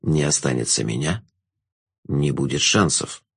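A man voicing a smug, mocking male jester in a slow, low, drawn-out way, in an audiobook. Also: expressive, vocal fry, fairly bright tone, breathy edge, exaggerated voice. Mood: menacing. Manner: smug, taunting. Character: sly theatrical male jester, mocking, menacing. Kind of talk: audiobook character voice.

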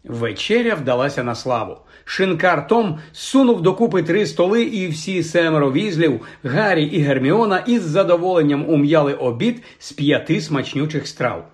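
Male audiobook narrator, expressive, slightly high pitch. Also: moderate pace.

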